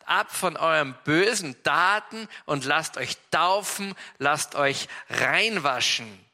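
A man with an Austrian accent voicing a stern wilderness prophet, calling people to repent in a slow, solemn manner. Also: on the high side, lively intonation, sharp tone, long reverb tail, exaggerated voice. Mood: urging.

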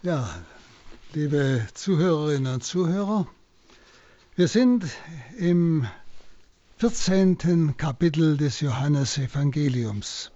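Slow, deliberate priest on the radio. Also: male voice, a little high, animated, mellow, no echo, muffled recording. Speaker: priest giving a Bible talk. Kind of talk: radio Bible exposition.

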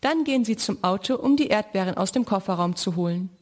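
A woman narrating a children's storybook in clear, even storytelling. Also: medium pitch, fast.

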